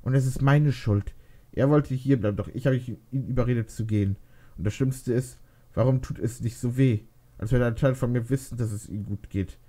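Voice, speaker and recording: A man voicing a thoughtful, caring pregnant teenage girl in a read-aloud fan fiction story, with a gentle, hesitant delivery. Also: mid-range voice, moderate pace, close to an everyday voice. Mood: sad, brooding.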